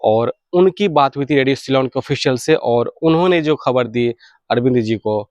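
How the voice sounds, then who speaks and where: An Indian-accented man hosts a hobby channel, giving viewers an informal update on radio hobby news and often rephrasing his explanations. His voice is mid-range and a little mellow, at normal speed. The recording is dry, with no room sound.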